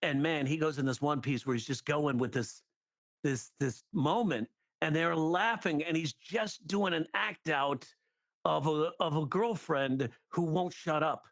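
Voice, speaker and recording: A middle-aged man chats casually as a podcast guest, explaining comedy and acting out jokes with energy. His voice sits a little high for a man. The recording is dull and very dry. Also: measured pace, no echo. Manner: animated, acts out jokes and quotes. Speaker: guest comedy writer and teacher.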